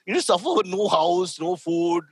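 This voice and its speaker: A man's voice: sits high, lively intonation, moderate pace, slightly rough, dry recording. A man with an Indian accent riffing jokily in casual chat, slipping between English and Hindi.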